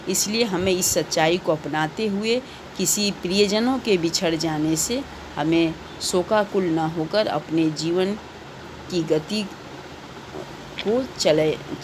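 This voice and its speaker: A woman's voice: lowish voice, background noise. A woman teaching a recorded class to children, reading out questions and patiently repeating the answers.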